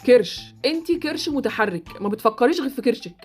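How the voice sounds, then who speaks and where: A woman's voice: on the high side, lively intonation, fast talker, faint music behind, close to an everyday voice. A woman with an Egyptian accent voicing Sultan, a blunt, awkward boy in a Roblox roleplay series. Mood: brusque.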